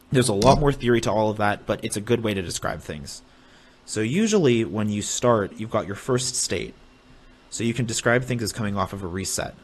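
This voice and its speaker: A young man casually explaining a technical topic on a stream, halting with restarts as he draws diagrams. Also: on the low side. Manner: halting, many fillers and restarts while drawing. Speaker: streamer explaining hardware hacking.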